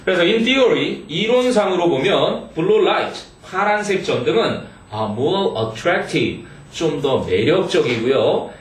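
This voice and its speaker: A man teaching English to high school students, reading English phrases slowly and checking in with the class. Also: animated. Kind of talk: exam-prep lecture. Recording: echoey room, mic far off, faint noise.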